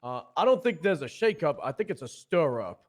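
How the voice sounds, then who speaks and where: A man's voice: on the high side, very animated, brisk. A man playing a police officer who gives announcements at a role-play meeting, rambling and restarting as he clarifies.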